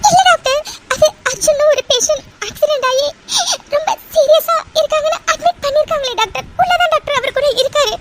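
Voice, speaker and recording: A very high, squeaky cartoon young woman, fiery and devoted in love, pleading and scolding in turn. The recording carries a clear layer of noise behind her. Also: brisk. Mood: worried. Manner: pleading, then scolding and tearful. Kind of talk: cartoon voice acting. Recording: noisy recording.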